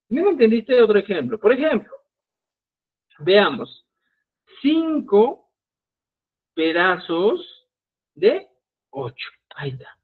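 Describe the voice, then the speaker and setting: A man teaching a live Quechua language lesson, explaining step by step and checking in with his students. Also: high voice. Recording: tinny phone-like live stream audio.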